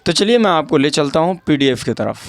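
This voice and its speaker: A man's voice: on the high side, very animated, dry recording. Patient male Urdu grammar teacher. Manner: patient, repeats key words and checks in with the listener. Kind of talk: explaining a lesson over an on-screen document.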